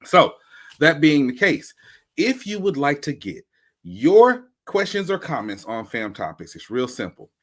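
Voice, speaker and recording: A man's voice: a little high, sing-song, measured pace. A man hosting a show in a casual, joking and slangy way. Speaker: host.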